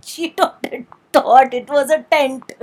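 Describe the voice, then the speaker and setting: Woman, hesitant mother, fairly high voice. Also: fairly even intonation, unhurried, poor audio. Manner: hesitant, explaining with many fillers. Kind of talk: casual family talk.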